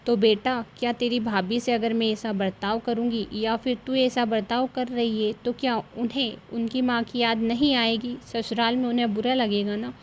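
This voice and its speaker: A woman voicing a kind, patient middle-aged mother-in-law who advises gently in a cartoon story. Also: fairly high pitch, level tone, normal speed, hardly any pauses, a little hiss or hum, natural voice. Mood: advising.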